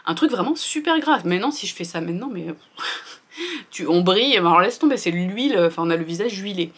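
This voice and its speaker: A woman's voice: mid-range voice, expressive, brisk, a bit bright, slightly rough. A woman, chatting casually through her skincare routine in a candid, rambling way with lots of fillers. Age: 30s. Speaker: beauty vlogger.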